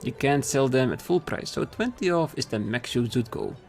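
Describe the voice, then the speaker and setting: A man's voice: medium pitch, expressive, moderate pace, darkish tone, faint music behind, close to an everyday voice. A man doing a blunt Scottish market trader. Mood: brisk. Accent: put-on Scottish. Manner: blunt and instructive, dropping dialect words.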